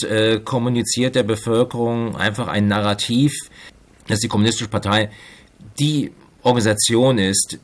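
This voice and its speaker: Measured, low-voiced male expert. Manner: measured, analytical, with frequent hesitations. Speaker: economics professor, interview guest. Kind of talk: expert interview answers.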